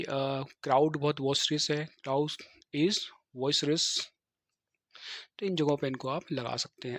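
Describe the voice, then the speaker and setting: A man's voice: fairly high pitch, fairly bright tone, no room sound. A man with a Hindi accent teaching English words, drilling them with repeated questions and answers in a classroom lesson. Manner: repetitive call-and-response drilling.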